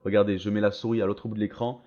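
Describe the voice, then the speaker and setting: A man's voice: on the low side, flat delivery, very fast, dark tone, lo-fi sound. A man narrating a tutorial in a casual, slangy and enthusiastic way. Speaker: video creator presenting a voice-changer tool.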